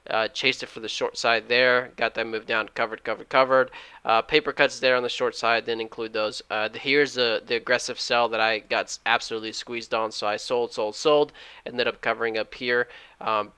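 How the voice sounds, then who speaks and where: A man recapping his day trades at home, talking fast and loud and often correcting himself. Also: mid-range voice, flat delivery, smooth, no room sound. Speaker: day trading YouTuber. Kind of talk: screen-share trade recap. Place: at home, alone.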